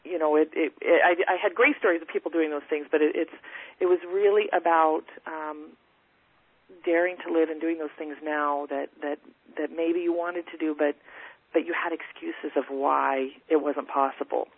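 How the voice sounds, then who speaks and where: A woman's voice: low-pitched, fairly even intonation, husky, no room sound. Earnest woman on a tinny phone line. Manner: earnest, halting, many restarts and fillers. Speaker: podcast guest. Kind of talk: casual storytelling.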